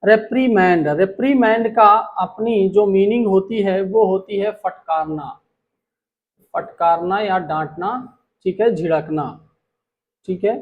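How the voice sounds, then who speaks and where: A man's voice: high-pitched, phone-quality sound. A man teaching English vocabulary to a class, drawing out words and repeating questions back to the students, with playful memory jokes. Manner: drawn-out repetitive teaching, asking the class back.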